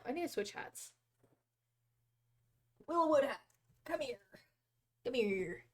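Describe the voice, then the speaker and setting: A slow, high-pitched woman's voice with lively intonation chats casually on a game livestream. She's hyped and slangy in true gamer fashion, exclaiming and giggling often as she talks excitedly about gaming.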